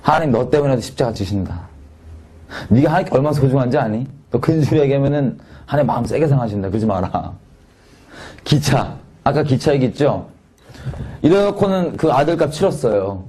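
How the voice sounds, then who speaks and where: Animated Korean man preaching a sermon. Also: medium pitch, fairly quick. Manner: animated, conversational preaching with sudden loud peaks and quiet drops.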